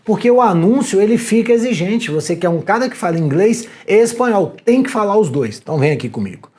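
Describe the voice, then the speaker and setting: Lively Brazilian male teacher. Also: high voice, fairly quick. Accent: Brazilian Portuguese. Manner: animated, slangy, talks straight to the viewer. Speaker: exam prep teacher. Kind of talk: energetic video lecture.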